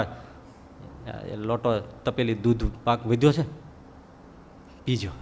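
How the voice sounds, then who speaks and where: A monk preaching a devotional sermon, telling a story and acting out its characters with lively changes of voice. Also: male voice, mid-range voice, slight background noise. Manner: lively storyteller who acts out quoted characters. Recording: long hall reverb.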